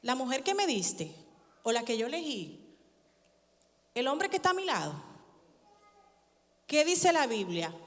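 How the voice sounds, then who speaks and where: A woman pastor preaching a sermon in a church, expressive, with humor and sarcasm. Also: sits high, measured pace, pauses often. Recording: church hall reverb.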